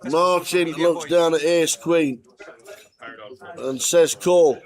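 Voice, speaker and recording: A man calling poker play by play in a measured, deliberate style, in short clipped phrases. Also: fairly high pitch. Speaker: poker commentator.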